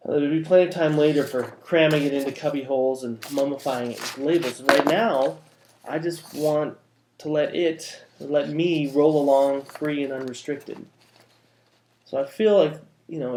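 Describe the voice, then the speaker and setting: A man's voice: mid-range voice, warm tone, reverberant. A man hosting his own vlog, talking about the novel he is writing with wry, dry humor and playful wordplay. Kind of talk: casual talking-head vlog.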